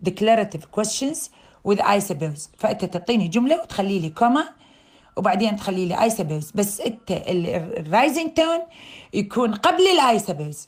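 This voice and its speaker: A middle-aged woman with an Iraqi Arabic accent lecturing on grammar. She says English terms and example sentences slowly with a rising tone and explains in fast colloquial Arabic. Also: mid-range voice. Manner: switches between slow careful English and fast colloquial Arabic.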